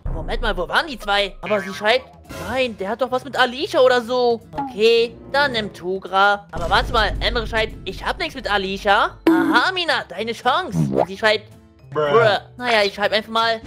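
A young woman narrating her game play in a lively, excitable way, reading chat messages aloud in playful voices. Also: mid-range voice, moderate pace, faint music behind. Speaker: gaming YouTuber. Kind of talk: narrating Roblox gameplay.

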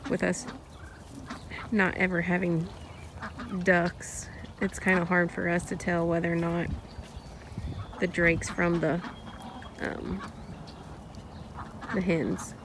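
A woman casually narrating a farm vlog from an outdoor poultry pen, talking slowly with many pauses and restarts. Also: fairly low pitch, flat delivery. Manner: slow, unhurried, with many ums and restarts. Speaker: farm vlogger. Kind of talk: casual narration while filming. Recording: outdoor phone audio with clear farm noise. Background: ducks quacking and chickens.

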